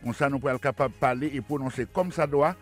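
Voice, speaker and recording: A man hosting a radio English lesson who explains words slowly, repeats them and spells them out letter by letter. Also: medium pitch, faint music behind. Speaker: radio English teacher and host.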